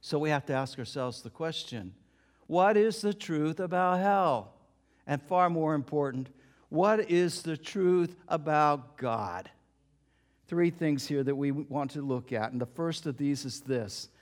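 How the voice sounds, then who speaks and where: A man preaching a sermon, dramatic, dropping to a hush and then rising to loud emphasis. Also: fairly high pitch, a little slow.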